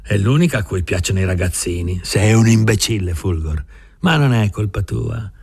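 A man's voice: fairly low pitch, lively intonation, moderate pace, gravelly, a little mellow, slightly rough, heavily acted. A man playing a brash reckless youth. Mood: cocky. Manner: brash and dismissive. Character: reckless cocky young man, seventeen. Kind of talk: audiobook character reading.

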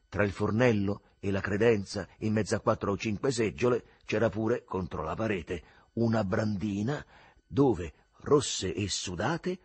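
Male audiobook narrator, husky and animated, dry close sound. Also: on the low side, no room sound. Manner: lively expressive reading.

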